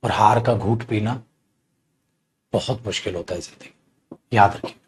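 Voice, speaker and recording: A man's voice: fairly low pitch, steady tone, moderate pace, a little hiss or hum. A middle-aged male teacher in his own studio, scolding and lecturing students earnestly while teaching an online grammar class.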